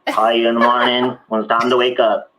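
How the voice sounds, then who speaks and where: A man doing a gruff scolding stoner mom. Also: medium pitch, flat delivery, fairly quick, a crowd in the background, lightly acted. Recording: dull old video audio, faint noise.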